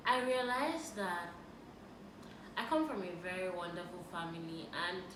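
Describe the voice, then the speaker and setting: A Nigerian faith and lifestyle YouTuber in her thirties speaks in a personal vlog, earnest and reflective, often stopping and restarting her sentences. Her lowish voice moves at normal speed, picked up far from the camera mic in a roomy, echoey space with steady background noise.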